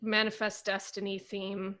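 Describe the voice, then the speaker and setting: A young adult woman co-hosting a podcast in casual chat, chatty and quick to laugh. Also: medium pitch, monotone, bright, forceful tone. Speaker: podcast co-host.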